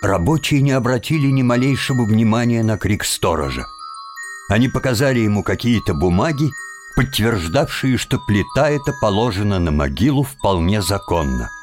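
A man reading a children's novel aloud in a measured, expressive storytelling voice. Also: fairly low pitch, soft background music. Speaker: audiobook narrator. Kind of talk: scripted narration.

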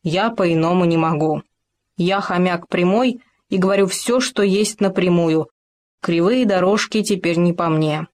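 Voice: mid-range voice, measured pace, darkish tone, close to an everyday voice. The storyteller voicing a stubborn, blunt male hamster who prides himself on telling the truth. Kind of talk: storybook reading.

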